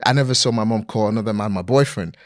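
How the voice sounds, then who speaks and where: A man, a podcast guest speaking earnestly and motivationally in a relaxed interview, often using fillers like "you know". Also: fairly low pitch, fast, no room sound, clean studio sound. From Nigeria. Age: 40s. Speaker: podcast guest, property investor.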